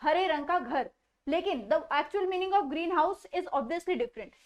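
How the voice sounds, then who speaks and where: A young woman teaching an online English grammar lesson, explaining in Hindi and reading English examples slowly and carefully. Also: very high voice, animated. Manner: mixes Hindi explanation with slow deliberate English.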